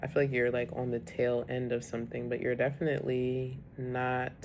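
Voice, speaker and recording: A woman's voice: extremely low pitch, little pitch movement, normal speed. A woman giving a rambling, casual tarot reading, drifting now and then into a whisper. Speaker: tarot reader. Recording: loud background noise.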